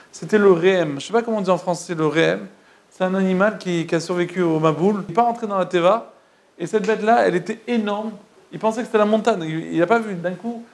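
Gravelly high-voiced man telling tales. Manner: halting, repeats words, asks listeners if they follow. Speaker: storyteller. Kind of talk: casual oral retelling of religious tales.

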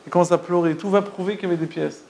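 A man casually retelling religious stories to listeners, halting and repeating words as he goes, often checking that they follow. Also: high-pitched, steady tone, vocal fry, dark tone. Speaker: storyteller.

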